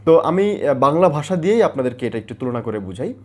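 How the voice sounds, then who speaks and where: Lively Bangladeshi man teaching IELTS. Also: on the high side, fast. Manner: explains step by step, with frequent "ah" fillers. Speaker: IELTS tutor. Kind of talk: explanatory video lesson.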